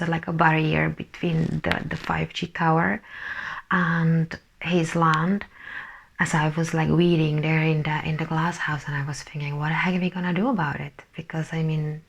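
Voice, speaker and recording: A woman giving a casual spiritual energy update as a channeller, talking haltingly, searching for words and often dropping to a soft whisper. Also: low-pitched, vocal fry.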